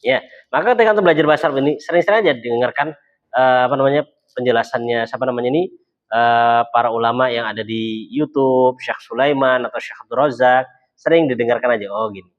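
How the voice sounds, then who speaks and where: A man teaching an Arabic class in a relaxed, chatty way, often repeating words and acting out short dialogues. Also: medium pitch, fast talker. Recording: dull lo-fi recording.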